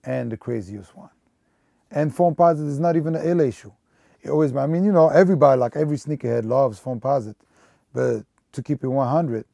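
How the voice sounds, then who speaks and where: A man in his thirties from Belgium, who runs a sneaker store, gives a relaxed, meandering documentary interview peppered with fillers and restarts. His voice is medium-pitched, creaky and warm, recorded dry with clean studio quality.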